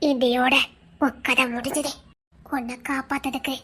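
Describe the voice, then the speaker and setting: A deep menacing demon. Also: female voice, little pitch movement, normal speed, breathy edge. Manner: threatening.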